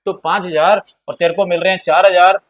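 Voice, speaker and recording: High-voiced man teaching accounts. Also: steady tone, fairly quick, highs cut off. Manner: repetitive, drills points, acts out pleading partners. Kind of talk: classroom lecture.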